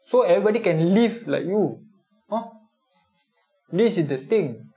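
A man's voice: high-pitched, animated, unhurried, mellow, dull audio. A Singaporean man in a casual chat, speaking colloquial Singlish with lah and meh, explaining his opinions through rhetorical questions.

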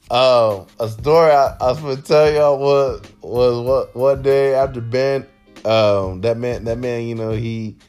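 A young man, hosting a solo podcast at a mid pitch. He tells a funny college story in a loose, slangy ramble, restarting his sentences and repeating words. Faint music plays underneath. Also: darkish tone. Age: young adult. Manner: rambling, repeats himself, slangy, bursts of laughter. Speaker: podcast host. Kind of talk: casual storytelling monologue.

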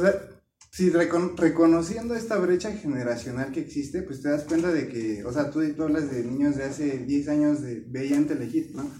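A man speaking in a measured, reasoning way as a guest in a casual podcast discussion. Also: fairly high pitch, a little mellow. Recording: distant echoey room with faint noise.

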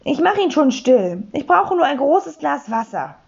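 A woman voicing a cheeky, bristly, childlike creature that is greedy and playful, asking quick pert questions. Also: sits high, very animated, gravelly, a little mellow, dull audio, pitched above the performer's own voice, heavily acted. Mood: wheedling.

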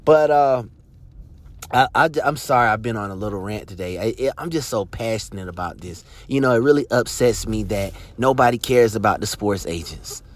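A man's voice: fairly low pitch, moderate pace. A man hosting a podcast about sports agents, ranting passionately with emphatic repetition and frequent restarts. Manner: passionate, emphatic, repeats words and restarts often. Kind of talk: podcast rant.

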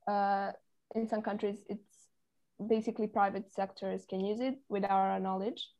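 A woman's voice: medium pitch, fairly even intonation, moderate pace, mellow, dull audio. A teenage woman from Serbia, a committee chair answering interview questions with hesitant, filler-filled speech. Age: teens.

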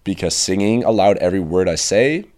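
Young male podcast co-host, low voice, loose and jokey banter. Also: lively intonation, a little fast. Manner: joking, rambling, slips into a soft put-on radio voice. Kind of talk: casual chat.

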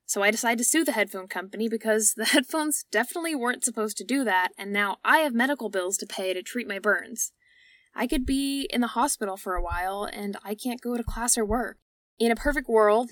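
A woman's voice: medium pitch, dry recording. A young woman hosting a podcast, reading scripted explanations in a conversational, lightly informal way, recorded in a closet. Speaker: podcast host. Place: small clothes closet at home, indoors. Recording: close, dry home closet recording, slightly distant.

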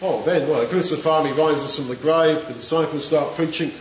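A man's voice: on the high side, brisk. A man preaching a sermon in a conversational way, acting out the voices of crowds. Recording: echoey room, dull sound, faint noise.

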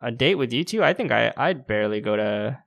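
Male podcast co-host, mid pitch, lively swings, dry sarcastic one-liners. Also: a little fast, creaky. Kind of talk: casual chat.

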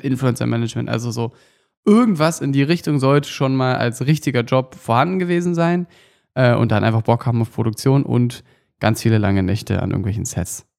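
A man's voice: medium pitch, creaky. A man, a podcast guest who chats loosely, with many fillers and restarts. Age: 20s. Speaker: guest, agency founder and filmmaker. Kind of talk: casual podcast chat.

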